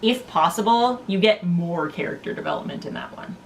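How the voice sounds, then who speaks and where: A woman's voice: fairly low pitch, lively intonation, brisk, low-quality recording. A woman co-hosting a book review, chatting casually in rambling, informal, stop-and-start phrases. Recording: noticeable background noise.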